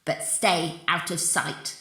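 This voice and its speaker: A woman voicing a grumpy, unwelcoming ox in a storybook reading, slow and stern. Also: lowish voice, fairly even intonation, pushed and bright. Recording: roomy room with faint music.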